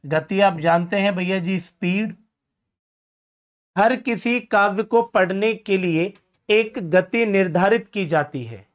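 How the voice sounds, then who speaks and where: Teacher quizzing his own class. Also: high-pitched. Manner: addresses students as friends, asks and answers his own questions; self-deprecating joking asides. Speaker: Hindi grammar teacher. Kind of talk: exam-prep lesson.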